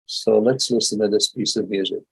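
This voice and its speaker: An older man, a meditation teacher, giving a relaxed, folksy spoken lesson with frequent chuckles. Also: fairly low pitch, normal speed, vocal fry, breathy edge, no echo, poor audio. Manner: chuckling, folksy, demonstrates laughing exercises.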